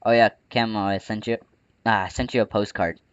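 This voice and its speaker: Hiccuping young gamer, dull lo-fi mic. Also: male voice, lowish voice, fairly even intonation, brisk, clear, resonant tone, no room sound. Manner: playful trash talk. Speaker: gaming channel host. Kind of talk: casual gameplay commentary. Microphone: close desk microphone.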